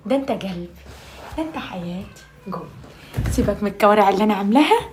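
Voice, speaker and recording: Speaking very fast in an expressive mid-range voice, with a little background noise, she is an Egyptian woman cast as the mother in a comic family video. Coaxing turns to scolding and back again as she swears oaths and bursts out loudly in frustration. Between outbursts come tender pet names, frequently in a near-whisper.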